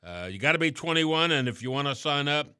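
A chatty middle-aged man hosting a radio show, his voice bright and forward. He talks casually and lets sentences fade at the ends. The sound is close and dry. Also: a little high, fairly quick, smooth, dry recording. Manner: chatty, relaxed, trailing off at phrase ends. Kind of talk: casual radio talk and interview.

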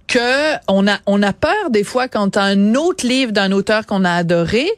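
A woman's voice: mid-range voice, lively intonation, normal speed, dry recording. A woman with a Québécois accent hosting a radio show, playful and fond of wordplay in casual chat. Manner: playful, punning. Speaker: radio host.

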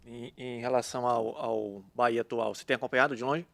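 A man's voice: medium pitch, steady tone, fairly quick, gravelly, a bit bright, no echo. A man hosting a podcast who asks long, winding interview questions. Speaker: podcast host.

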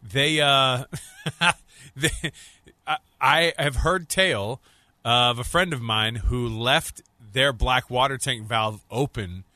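Bright-toned joking male radio host. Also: mid-range voice, slow pace, no room sound. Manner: joking, laughs often, teasing. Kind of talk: casual radio banter.

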